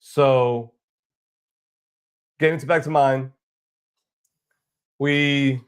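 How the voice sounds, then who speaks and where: A man's voice: medium pitch, steady tone, very slow, smooth. A man who grew up in Boston tells his travel story in a casual vlog. He sounds aggrieved, rambles and often restarts his sentences.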